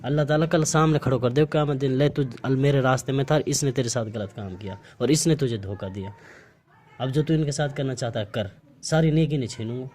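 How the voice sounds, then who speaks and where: Over a privately recorded phone call of amateur quality, a man with a Mewati accent reproaches the other person with one pointed question after another. His medium-pitched voice is a little mellow and fairly quick, with slight noise behind it.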